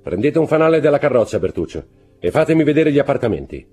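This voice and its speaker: A man's voice: medium pitch, big pitch swings, fast talker, warm tone, breathy edge, soft background music, pitched above the performer's own voice. A man reading an audiobook, voicing a cold, imperious nobleman who gives commands. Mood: commanding.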